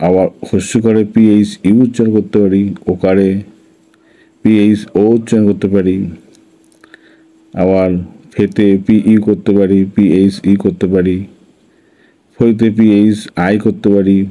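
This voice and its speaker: A man teaching an English phonics lesson, spelling out letters one by one and then sounding each syllable slowly. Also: lowish voice, little pitch movement, mellow, low-quality recording.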